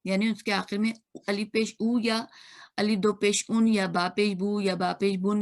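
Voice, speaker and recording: A woman teaching an online grammar class, patiently repeating and spelling out sounds. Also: medium pitch. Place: online video class room.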